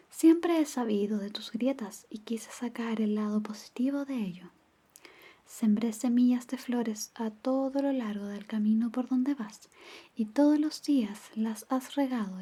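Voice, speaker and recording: Casting: actress as tender girlfriend for ASMR ASMR role-play, soft mellow tone, very breathy, storybook intimacy. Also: a little high. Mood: tender, soothing. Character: caring, teasing girlfriend reading bedtime stories.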